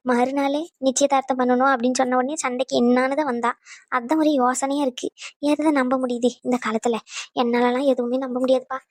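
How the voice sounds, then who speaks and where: A woman voicing a sharp-tongued, scornful older mother-in-law in a cartoon, talking in a mocking way. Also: very high voice, unhurried, dry recording, studio quality. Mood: suspicious. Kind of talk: cartoon voice acting.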